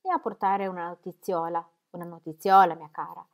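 A woman reading aloud voices a fussy, rambling older gentleman who keeps repeating himself in friendly chatter. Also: fairly low pitch, steady tone, a little fast, natural voice. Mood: chatty.

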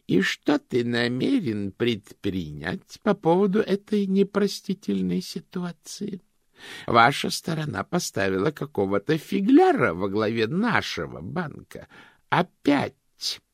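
A man voicing a spiteful, domineering older woman who scolds in a shrill voice. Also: wildly swooping pitch, a little slow, creaky, dry recording, clean studio sound, full character voice. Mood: indignant.

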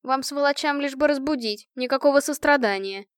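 A woman's voice: high-pitched, a little fast, no echo, clean studio sound, pitched above the performer's own voice, lightly acted. A woman voicing a sleepy, grumpy young woman who grumbles and complains. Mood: sleepy grumbling.

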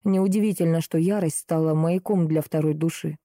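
A woman reading the lines of a calm, serious young male dark mage, explaining in a level, steady way. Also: low voice, normal speed, dry recording, studio quality, natural voice. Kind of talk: audiobook character reading.

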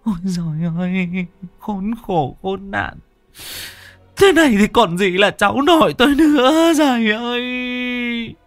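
A man's voice: high-pitched, measured pace, no echo, faint music behind, voice pushed up. A man voicing a terrified old grandmother who begs and wails with a stammer. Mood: wailing. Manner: stammering, desperate begging. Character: frightened old grandmother, pleading and wailing.

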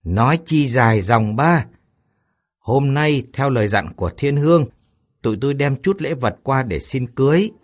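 Brief: cocky, unruffled young man in an audio story, voiced by a man. Lively, boastful delivery. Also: mid-range voice, moderate pace, natural voice. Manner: cocky and offhand.

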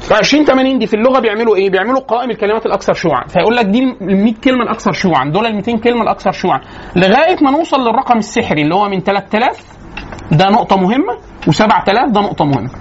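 A man's voice: sits high, lively intonation. A man with an Egyptian accent giving a casual spoken lecture. He digresses and keeps asking rhetorical questions. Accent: Egyptian Arabic. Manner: rapid, digressive, full of rhetorical questions like "right?". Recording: dull lo-fi recording with faint noise.

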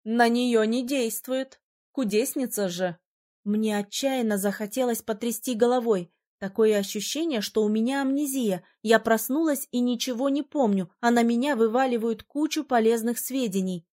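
Woman, audiobook narrator, first-person fantasy, even expressive reading. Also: on the high side, moderate pace, few pauses.

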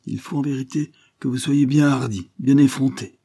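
A man's voice: sits low, steady tone, moderate pace, dark tone. A man reading an audiobook, voicing an indignant noblewoman who scorns her husband, speaking vehemently in a raised voice.

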